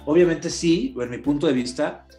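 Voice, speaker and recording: Expressive man in a roomy echo. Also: on the high side, faint music behind. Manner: expressive, acts out examples with drawn-out cadence. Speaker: interview guest, announcer and storyteller. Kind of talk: explanatory conversation.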